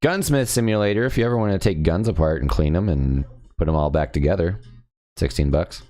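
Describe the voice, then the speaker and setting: A young man hosting a live stream, rambling and chatting excitedly as he browses and reacts to game sale listings. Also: sits low, brisk. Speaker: streamer host. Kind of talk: casual live-stream chat.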